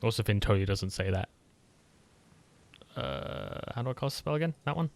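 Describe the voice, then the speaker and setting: A man's voice: on the low side, animated, brisk, vocal fry, a little mellow. A man playing a tabletop game, chatty and jokey, often correcting himself. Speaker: player. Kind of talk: casual tabletop game chat.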